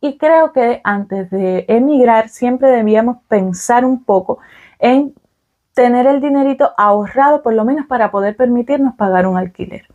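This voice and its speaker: This young Cuban vlogger's voice is on the high side and darkish, delivered at normal speed, and the recording cuts off the highs. She talks casually to camera in a Cuban Spanish accent, explaining with fillers and "ok?" check-ins.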